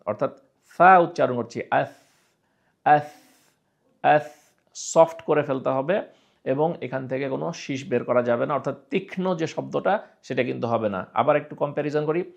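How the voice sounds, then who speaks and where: A man from Bangladesh teaching Quran recitation, explaining pronunciation and repeating sounds slowly as drills, asking and answering his own questions. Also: mid-range voice, creaky, a little mellow, dull audio.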